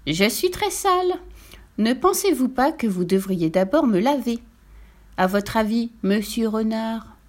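Woman doing a high squeaky sly piglet, storybook voice. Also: animated, unhurried, darkish tone. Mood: sweetly sly. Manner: high sighing pleading voice. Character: cunning little piglet, sweet and crafty.

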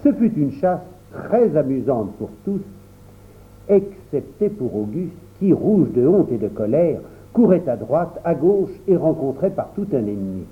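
Slow, animated male storyteller. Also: on the high side. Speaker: storybook reader. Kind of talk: expressive storybook narration. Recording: tinny phone-like sound.

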